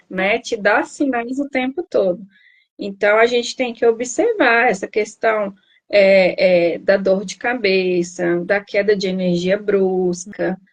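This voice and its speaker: Brazilian woman nutritionist explaining patiently. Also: medium pitch. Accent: Brazilian Portuguese. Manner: explanatory, many tag questions and restarts. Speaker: nutritionist guest. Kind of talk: casual live interview. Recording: video call.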